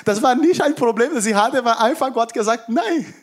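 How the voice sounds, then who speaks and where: A man preaching to a congregation, retelling a Bible story in a lively way, acting out quotes and asking his listeners questions. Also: very high voice, fairly quick.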